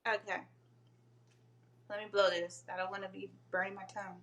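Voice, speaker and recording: A woman guest cook on a live cooking stream, excited and laughing as she tastes her dish. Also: mid-range voice, moderate pace. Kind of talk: casual live cooking chat.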